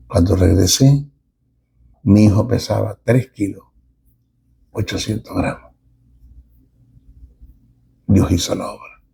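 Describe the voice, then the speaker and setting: A middle-aged man preaching a sermon as a pastor, emphatic and with dramatic pauses. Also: on the low side, creaky, warm tone, slight background noise.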